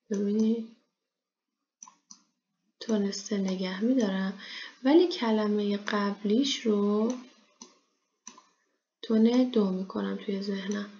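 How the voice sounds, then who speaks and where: A woman teaching a language lesson in a mellow, warm voice. She explains patiently, step by step, and slows right down to model each sound. The recording is dull and lo-fi, with faint noise behind it. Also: mid-range voice.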